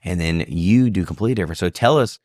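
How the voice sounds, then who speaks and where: A young man hosting a podcast, telling jokes and stories in a quick, animated way. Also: deep voice, no room sound, clean studio sound. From Louisiana. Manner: joking storyteller, quick and animated. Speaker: podcast host. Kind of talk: casual chat.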